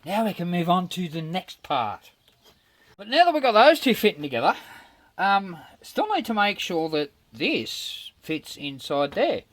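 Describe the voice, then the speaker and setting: A DIY metalworking presenter in his home metal workshop gives casual, matter-of-fact, step-by-step narration of hands-on metalwork. His voice is high, very animated, unhurried and fairly bright, and the recording is dry. Machinery noise comes through clearly, with a saw running, clicks and machine sounds.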